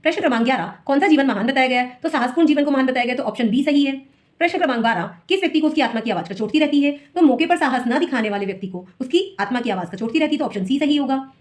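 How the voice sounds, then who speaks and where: A woman's voice: high-pitched, expressive, rapid-fire. Woman teacher walking through exam answers. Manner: reads each question, then explains the answer step by step. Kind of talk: solving an exam paper for students.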